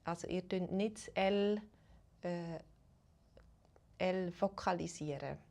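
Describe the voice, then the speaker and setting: A woman from Switzerland who teaches Swiss German chats casually with her live-stream viewers, greeting them one by one. Her voice is on the low side, gravelly and a little mellow, and she speaks slowly and unhurriedly, switching between English and German.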